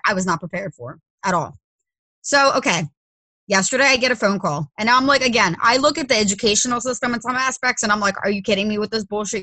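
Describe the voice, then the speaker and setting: A woman in her thirties speaks bluntly in casual conversation, swearing for emphasis and driving her points home. Her voice is bright and forward, and the recording is dry and close with no room echo. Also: medium pitch.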